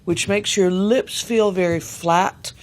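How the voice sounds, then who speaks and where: Coach, mid-pitched voice, precise teaching delivery with slowly demonstrated vowels. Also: steady tone. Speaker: dialect coach. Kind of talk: instructional coaching with demonstrated sounds.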